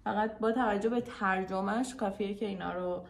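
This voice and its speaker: A woman teaching beginner English, upbeat and full of praise, drilling phrases slowly. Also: medium pitch, fairly even intonation, creaky, reverberant.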